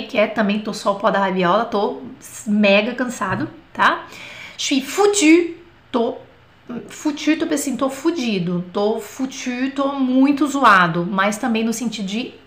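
A woman's voice: fairly high pitch, fairly bright tone. A woman teaching French in a live online lesson, chatty and often checking in with the viewers. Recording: roomy echo.

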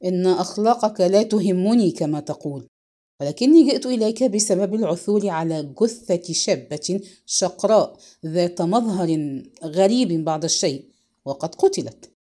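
A woman voicing a stern middle-aged male police chief who speaks in a gruff, clipped, controlled way, in a storybook reading. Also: fairly low pitch, lively intonation, moderate pace, dark tone, voice pushed down.

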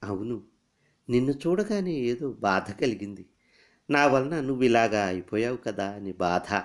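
A man reading a story aloud, voicing a firm, composed young woman who scorns weakness and later pleads gently. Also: medium pitch, animated, unhurried, close to an everyday voice. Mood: gentle. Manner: stern then gently pleading.

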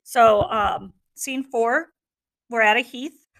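A woman's voice: a little high, fairly even intonation, slow pace, fairly bright tone. A woman teacher reading a play aloud to her class and walking through it line by line in a casual way, with fillers.

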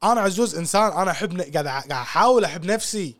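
Fast-talking man on a podcast. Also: sits high, no echo. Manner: animated, mixes English phrases into talk. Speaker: podcast co-host. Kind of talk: casual podcast chat.

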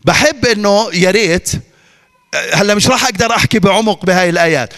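A man's voice: sits high, fast talker, a bit bright. A male pastor with a Levantine Arabic accent, preaching emphatically and repeating his points with rhetorical questions. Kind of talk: sermon. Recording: long reverb of a large hall.

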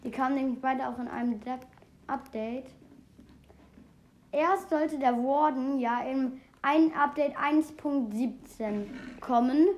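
A woman chatting excitedly while playing a video game, exclaiming often and rambling between facts. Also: high voice, slow pace, a little hiss or hum. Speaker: game player. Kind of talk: casual gameplay commentary.

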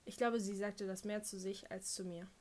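Woman, audiobook narrator, first-person narration, dry wry delivery, mid-pitched voice. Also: fairly even intonation, normal speed, a little mellow.

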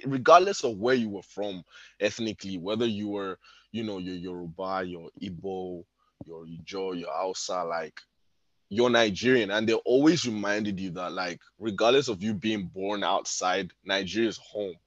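Relaxed young man, dull dry recording. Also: sits low, normal speed, no room sound. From Spain. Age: 20s. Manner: relaxed, laughs often, many fillers. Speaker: podcast guest. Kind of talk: casual conversation.

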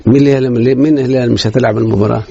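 A man's voice: medium pitch, steady tone, very fast, gravelly, dark tone. A man with an Egyptian Arabic accent teaching a grammar lesson in a classroom, quizzing students with rhetorical questions. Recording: dull lo-fi recording.

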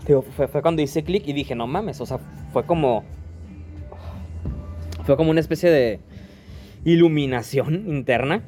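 Man, casual podcast chat, slangy and halting, slightly high voice, faint music under it. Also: warm tone. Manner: slangy, halting with repeated restarts.

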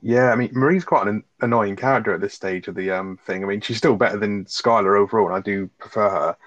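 Fast-talking man with a deep voice. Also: no echo. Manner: animated, opinionated, swears freely. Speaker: podcast co-host. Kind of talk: casual recap chat. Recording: dull, dry sound.

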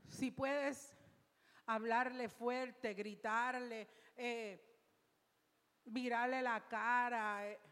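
A woman's voice: fairly high pitch, steady tone, drawn-out words, a bit bright, clean tone, in a large hall. A woman pastor preaching a sermon in church, emphatic and repetitive, with rhetorical questions.

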